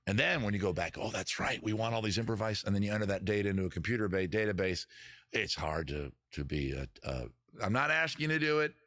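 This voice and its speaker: Sitting in his backyard at home, a man runs a livestreamed music and chat show, chatting loosely with viewers, poking fun at himself, cursing freely, and occasionally breaking into improvised song. He talks quickly and animatedly in a fairly bright voice on the low side. The sound is clean and studio-like, with no room sound.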